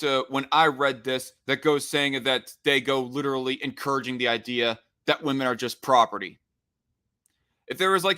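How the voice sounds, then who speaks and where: A man with a forward, bright voice at an average pitch, reacting off the cuff. He argues bluntly and often stumbles as he searches for the right words. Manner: argumentative, blunt. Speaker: commentator responding to a played discussion.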